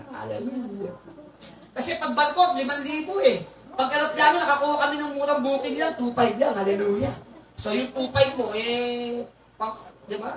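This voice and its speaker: A man, a pastor, preaching a lively sermon with frequent hallelujahs and asides to his congregation. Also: very high-pitched. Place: church hall. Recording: echoey hall, far from mic, faint noise.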